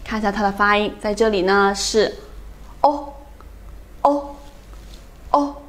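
A woman teaching an English phonics lesson, drilling each sound slowly and often checking with her students. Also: mid-range voice, monotone, fairly bright tone.

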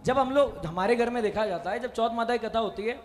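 A man, a bhajan singer leading a live devotional crowd, energetic and chatty as he coaxes people to call back and bursts into shouts on a stage mic. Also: extremely high pitch, quick pace. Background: devotional band music.

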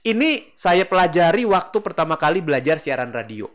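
A middle-aged man teaching public speaking in a casual, animated way, acting out little examples as he goes. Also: on the high side, fairly quick. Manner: animated, demonstrates examples with acted voices. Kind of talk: casual spoken lesson.

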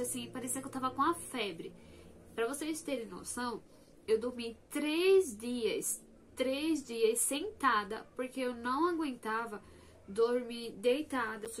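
A young woman vlogger chatting casually to her viewers, telling a personal story in an animated, talkative way. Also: fairly high pitch, slight background noise.

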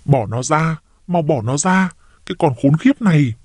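A man doing a sharp, defensive older sister. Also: fairly high pitch, lively intonation, moderate pace, no echo. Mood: scolding. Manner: sharp, scolding.

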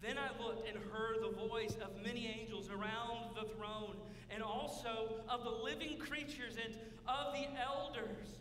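A man in his thirties, a pastor preaching a sermon with emphatic, drawn-out phrasing in a large church sanctuary. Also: very high-pitched, fairly even intonation, fairly bright tone, a little hiss or hum. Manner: emphatic preaching, drawn-out words, gestures while walking the stage. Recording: echoey hall from far off.

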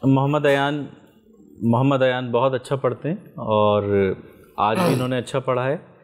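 A man's voice: mid-range voice, steady tone, moderate pace. A man judging a recitation contest, giving encouraging advice to a young performer. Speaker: competition judge.

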